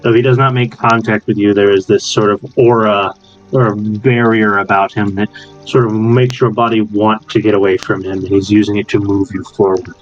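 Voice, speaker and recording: A man's voice: lowish voice, flat delivery, moderate pace, highs cut off, faint music behind. A man running a tabletop game as game master, narrating and chatting casually.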